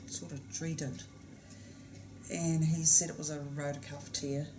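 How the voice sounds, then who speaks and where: A woman with a New Zealand accent, a student in a class, talking softly and agreeably about her sore shoulder. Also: deep voice, flat delivery, measured pace, noisy background. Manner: soft, agreeable, brief replies. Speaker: student receiving therapy. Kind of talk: casual conversation in a class.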